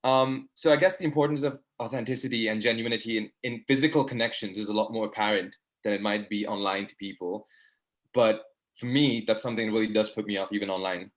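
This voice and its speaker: Over a video call, a young medical student in the audience earnestly asks a long, rambling question packed with fillers during an online discussion. His voice is lowish and a bit bright, with a steady tone and a quick pace.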